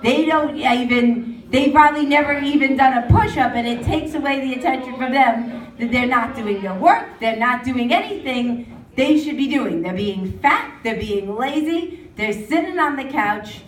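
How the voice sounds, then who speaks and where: A woman doing a stand-up comedy set at an open mic in a pub, animated and mocking as she talks. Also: sits high, moderate pace, slight background noise. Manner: animated, mocking voices of others. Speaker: stand-up comic. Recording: roomy pub sound from far off.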